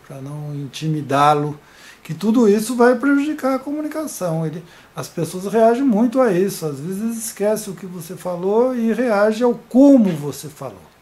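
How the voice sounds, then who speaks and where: A man gives an informal video lesson in a somewhat high, mellow voice. He talks hesitantly, often stumbling over repeated fillers and restarting his phrases. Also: animated, moderate pace.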